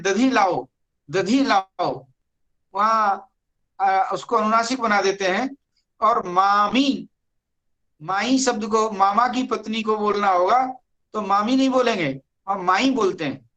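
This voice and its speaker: A teacher giving an online Sanskrit grammar lecture, speaking deliberately and repeating key words. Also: medium pitch, a bit bright, low-quality recording.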